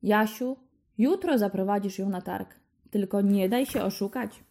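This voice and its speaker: A woman's voice: medium pitch, unhurried, gravelly, dark tone. A woman doing a worried poor widow mother. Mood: weary. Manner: sighing, reproachful.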